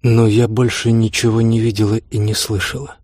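A man reading a classic novel aloud in steady, measured scripted narration. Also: fairly low pitch, no room sound, clean studio sound. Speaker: audiobook reader.

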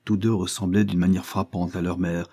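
A male audiobook narrator with a low, dark voice and a husky grain. He tells the story in a measured, dramatic way, steady and unhurried.

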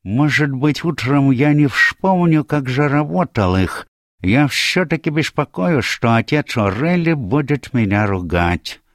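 A man's voice: mid-range voice, expressive, unhurried, no echo, clean studio sound, pitched above the performer's own voice. A man voicing an anxious, hopeful young stable hand in a read-aloud detective story. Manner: pleading, worried.

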